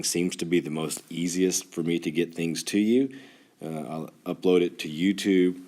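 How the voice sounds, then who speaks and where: A man with a very low voice and a clear West Texas twang teaches like a schoolteacher talking to his students. His delivery is informal and folksy, explaining things step by step. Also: darkish tone. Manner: folksy, talks as if to a class of children. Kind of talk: instructional math lesson for students, informal.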